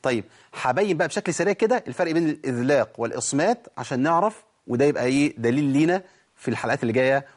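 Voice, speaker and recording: A man with an Egyptian accent teaching Quran recitation, asking rhetorical questions and answering them himself. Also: mid-range voice. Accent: Egyptian Arabic. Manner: explains with rhetorical questions, then slow drawn-out recited examples. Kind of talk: tajweed lesson.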